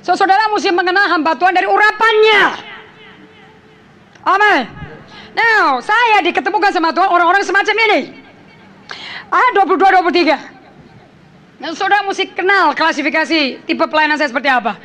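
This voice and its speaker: A woman preaching a forceful sermon, slipping English phrases in and calling out to the congregation. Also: very high-pitched, a little fast, long pauses.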